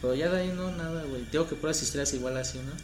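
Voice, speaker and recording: A man's voice: fairly high pitch, racing, slight background noise. A young man with a Mexican accent, chatting about witches and ghost stories in slangy speech, often checking agreement. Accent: Mexican Spanish. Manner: slangy, filler-heavy, seeks agreement. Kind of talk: casual chat, telling spooky stories. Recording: echoey room with faint music.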